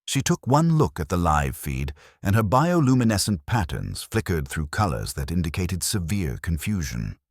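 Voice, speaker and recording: A man narrating a sci-fi story in a measured, dramatic storytelling manner. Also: sits low, sing-song, no echo, clean studio sound.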